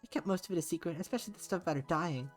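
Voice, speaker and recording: Woman playing a timid, gentle young shrine attendant; quiet, hesitant, polite. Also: lowish voice, very fast, faint music behind, voice pushed up, natural voice.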